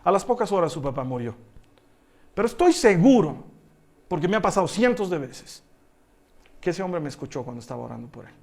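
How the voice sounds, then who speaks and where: A man preaching a sermon through a personal story, shifting from hushed tones to loud bursts and laughing as he tells it. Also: a little high, brisk, long pauses. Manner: animated storyteller who swings from hushed to loud. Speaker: pastor.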